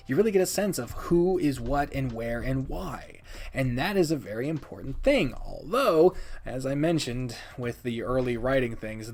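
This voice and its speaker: This video creator is ranking his favorite games, offering opinionated, conversational review commentary. His mid-range voice has a darkish tone, and he speaks emphatically, building things up dramatically and swearing casually.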